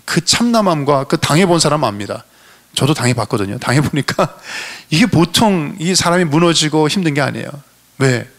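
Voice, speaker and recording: A male senior pastor preaching fervently, asking rhetorical questions and swinging between loud, high appeals and low, quiet asides in a church. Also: expressive, moderate pace. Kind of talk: sermon. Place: church sanctuary.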